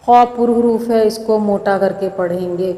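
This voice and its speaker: A woman's voice: mid-range voice, steady tone, dark tone, a little hiss or hum. A woman teaching a Quran recitation lesson, saying each letter aloud and then explaining how to pronounce it. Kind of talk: step-by-step pronunciation lesson. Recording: echoey room with long reverb.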